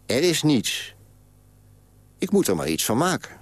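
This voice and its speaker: A man's voice: medium pitch, very animated, measured pace, dry recording. A man voicing a lonely, curious male God who ponders aloud in short wondering questions, for a spoken story on radio. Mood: pondering.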